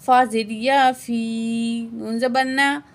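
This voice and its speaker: A woman with a high voice teaches Quran recitation slowly, spelling out letters and vowel marks one at a time. She stretches each chanted word, then drops into brisk, quieter asides to answer her own questions. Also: steady tone, faint music behind. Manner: asks herself quiz questions and answers them in quick quiet asides.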